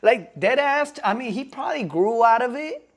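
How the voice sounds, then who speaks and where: A streamer in his twenties reacts to a podcast clip with rambling, slangy, casual commentary, constantly checking in with chat by asking "you feel me." His voice is very high-pitched, with lively intonation and a moderate pace.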